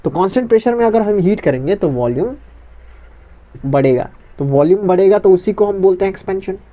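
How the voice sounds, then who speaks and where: Guy teaching physics online, mellow voice, keeps asking questions and answering himself. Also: sits high, lively intonation, brisk, dull audio. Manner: repeats key phrases for emphasis.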